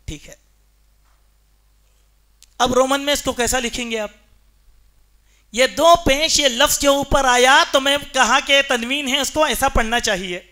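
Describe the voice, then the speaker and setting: Pausing often, this man preaches a Friday sermon at a mosque in a very high, bright voice. He presses his points forcefully and keeps throwing rhetorical questions at the congregation.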